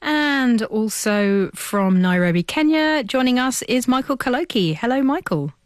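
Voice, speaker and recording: A woman's voice: a little high, expressive, unhurried, no room sound, studio quality. A woman hosting a radio science programme, moving between scripted presenting and panel chat. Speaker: science radio show host.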